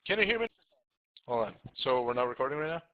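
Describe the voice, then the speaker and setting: A man's voice: mid-range voice, big pitch swings, quick pace, slight background noise. Man sounding muffled, like on speakerphone. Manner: puzzled, fiddling with his audio settings. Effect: muffled voice sounding like it comes over a speakerphone. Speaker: podcast co-host. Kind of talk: casual chat. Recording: muffled lo-fi online voice chat.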